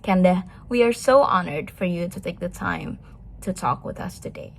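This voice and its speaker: A woman's voice: fairly low pitch, gravelly. A woman interviewer giving a formal, prepared introduction and then asking questions. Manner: measured, formal, reads prepared lines. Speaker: interviewer, host.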